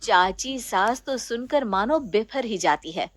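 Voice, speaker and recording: A woman's voice: fairly high pitch, lively intonation, slow pace. A woman narrating a family storybook in a plain storytelling manner.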